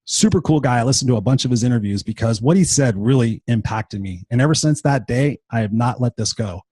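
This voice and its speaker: A man in his fifties delivers an unscripted motivational monologue, swearing freely and pressing his points hard. His voice is husky and sits at a middle pitch. He sounds worn out and unwell, and the recording is dry with no room sound. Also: a little fast, warm tone, no echo. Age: 50s. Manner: blunt, profane, emphatic. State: tired and unwell. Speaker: motivational podcast host.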